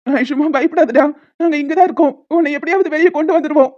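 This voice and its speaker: A protective young cartoon man, voiced by a woman speaks in a rather high voice, urgent and commanding. The recording sounds dull and lo-fi. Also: quick pace, a little mellow, close to an everyday voice. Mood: soothing. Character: protective young man rescuing his fiancée. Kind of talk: cartoon voice acting.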